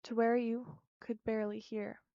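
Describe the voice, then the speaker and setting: A woman voicing the ghost of a young woman haunting a funeral home, speaking in a breathy, urgent, cryptic way. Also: on the high side, level tone, normal speed, mellow, no echo, muffled recording, natural voice. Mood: eerie.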